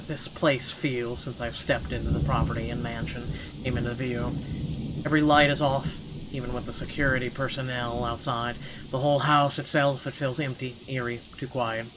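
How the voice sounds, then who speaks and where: Over some background noise, a man at medium pitch performs a first-person story as a gaming host. He reads with drama, then breaks off to react bluntly and expressively, swearing freely.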